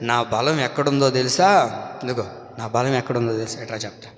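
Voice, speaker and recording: Preacher doing a coy strongman, lowered slow voice, church echo. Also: steady tone, slight background noise, natural voice. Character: strong man teasing his lover. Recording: echoey church hall.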